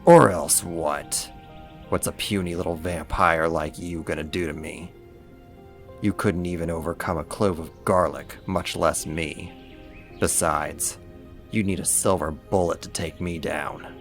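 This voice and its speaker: A man voices a big, boastful male werewolf for a roleplay audio drama, his very low, gravelly voice full of smug, flirty, possessive swagger. He speaks at a measured pace with fairly even intonation, sounding menacing and mocking, while faint music plays underneath.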